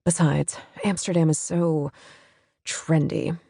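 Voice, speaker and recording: A woman voicing a poised, exacting female editor-in-chief in an audiobook, brisk and pointed. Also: sits low, steady tone, vocal fry, mellow, slightly rough, no room sound, clean studio sound, full character voice. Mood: musing. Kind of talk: audiobook character voice.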